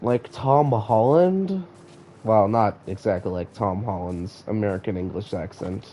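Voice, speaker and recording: Slow, mellow sick streamer guy. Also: fairly low pitch, slight background noise. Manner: stammering, repeats words while talking to chat. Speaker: live-streamer playing a block-building game. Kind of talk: casual live-stream commentary.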